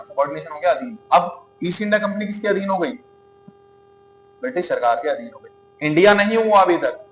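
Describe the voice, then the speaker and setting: A man with an Indian accent lectures a class in a fairly high voice, repeating his points and asking questions that he answers himself. He keeps checking in with the students as he goes. A faint hum sits under the recording. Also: low-quality recording. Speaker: teacher.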